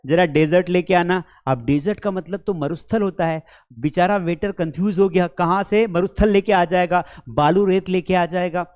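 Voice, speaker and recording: Speaking in a high-pitched, slightly mellow voice, this man teaches spoken English online. He's patient in his explanations, addresses viewers as friends and children, and reads English example sentences at a slow pace.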